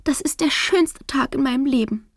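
Woman putting on a shrill gushing mother. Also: normal speed, no echo, studio quality. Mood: tearful gushing. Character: gushing tearful middle-aged mother, sharp-tongued.

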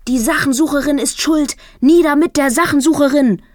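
A woman voicing a gushing, tearful middle-aged mother with a sharp tongue, speaking high and sobbing. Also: lively intonation, moderate pace, breathy edge, no echo, clean studio sound. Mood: furious.

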